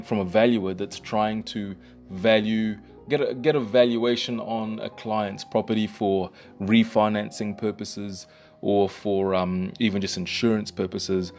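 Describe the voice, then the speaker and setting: A man's voice: on the low side, fairly even intonation, normal speed, a little mellow, faint music behind. A man explaining real estate in a loose, conversational way, with lots of fillers and restarts. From New Zealand. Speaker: real estate broker and host. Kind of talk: casual explainer monologue.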